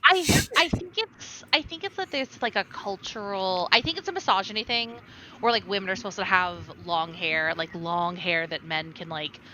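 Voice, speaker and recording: A woman's voice: medium pitch, moderate pace, bright, forceful tone, dull audio, slight background noise. A woman on a podcast, reasoning aloud in a thoughtful, hesitant way with many fillers. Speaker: podcast guest or co-host. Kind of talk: casual chat.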